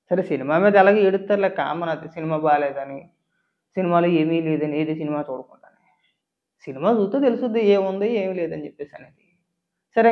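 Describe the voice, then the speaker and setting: A man's voice: high voice, muffled recording. A man giving a political commentary rant, firing off sarcastic, indignant rhetorical questions.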